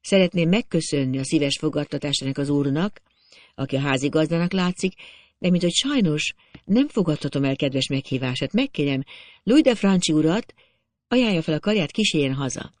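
A man's voice: on the high side, animated, no room sound, close to an everyday voice. A man reading a proud young woman who speaks with defiant dignity in an audiobook. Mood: pleading. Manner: dignified, pleading.

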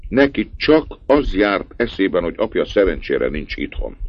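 Very deep gravelly male narrator. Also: big pitch swings, no room sound. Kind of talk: storybook reading. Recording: dull dry lo-fi recording.

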